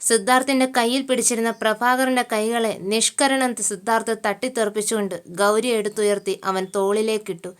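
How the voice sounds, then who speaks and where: A woman narrating a romance story in a steady, dramatic reading. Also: fairly high pitch, brisk.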